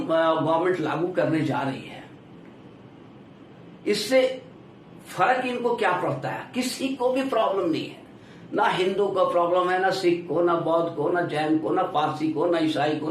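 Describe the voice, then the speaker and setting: A man's voice: high voice, animated, measured pace. A man delivering a political commentary monologue to his viewers, stressing key words and falling off at the ends of phrases, with rhythmic lists. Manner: lists items in rhythmic repetition. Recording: echoey room, voice from a distance, faint hiss.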